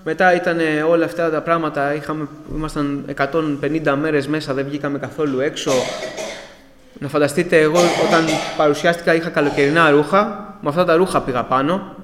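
A man's voice: fairly high pitch, fairly even intonation, noisy background. A man giving an earnest, emotional personal testimony to a church congregation and addressing them as brothers. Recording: echoey hall with long reverb.

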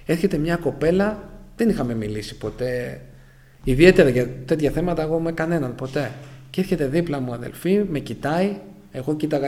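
Speaking at medium pitch with a darkish tone, a Greek man tells his congregation the story of his conversion. He keeps addressing them as brothers, and his emotional, fragmentary testimony trails downward at the close of each phrase.

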